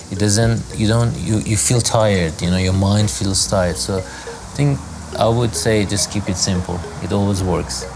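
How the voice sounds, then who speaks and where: A man who grew up in Zimbabwe, a lodge owner talking casually in an interview, relaxed and rambling with many fillers. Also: lowish voice, noisy background. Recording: music playing under the voice.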